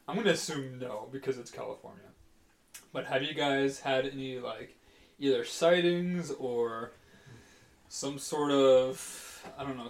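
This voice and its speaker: A man's voice: mid-range voice, echoey room. A man hosting a casual podcast chat, teasing his co-hosts and laughing often. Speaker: podcast host.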